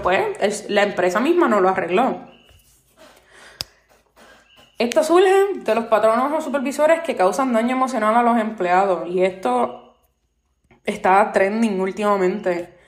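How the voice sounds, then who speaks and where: Speaking in a mid-range voice with a Puerto Rican Spanish accent, a twenty-something host from Puerto Rico delivers a solo podcast monologue full of opinionated, earnest gripes about workplaces. Fillers such as "pues" and "este" come up often, and the room echoes noticeably.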